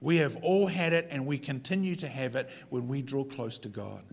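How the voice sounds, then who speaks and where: Gravelly pastor preaching a sermon. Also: male voice, mid-range voice, moderate pace, dull audio. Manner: swings from loud acted quotes to hushed whispers.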